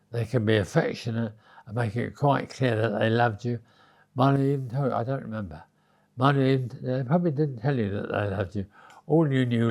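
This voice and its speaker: A man's voice: mid-range voice, a little mellow. A British man in his nineties with a very old man's voice, reminiscing conversationally and often repeating words as he searches for the next phrase. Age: 90s. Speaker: elderly interviewee reminiscing.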